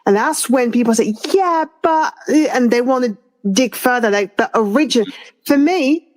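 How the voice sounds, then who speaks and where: A woman from France in her thirties co-hosts a casual chat. She talks slowly and unhurriedly, pausing often and restarting her thoughts, with plenty of fillers along the way. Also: on the high side, lively intonation, a little mellow. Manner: hesitant, many fillers and restarts. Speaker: podcast co-host.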